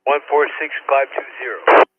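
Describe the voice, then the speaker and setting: A man's voice: medium pitch, steady tone, moderate pace. A man making brief, matter-of-fact technical remarks as an operator on a ham radio net, heard through a noisy, tinny radio transmission. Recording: tinny radio with loud static.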